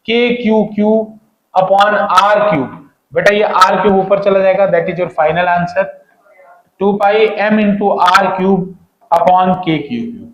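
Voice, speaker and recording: A man's voice: high-pitched, muffled recording, a little hiss or hum. A man teaching physics in a classroom-style lecture, repeating key points and asking students questions as he goes. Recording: echoey room.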